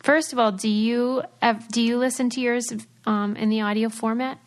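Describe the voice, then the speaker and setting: A woman's voice: a little high, fairly even intonation, moderate pace. A woman podcast host asking curious, enthusiastic questions in casual chat.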